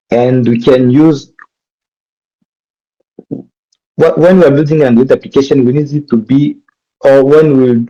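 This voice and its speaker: A man from DR Congo with a French accent leads a live coding workshop as the instructor, frequently correcting himself mid-sentence. His mid-range voice is mellow, and the recording sounds muffled.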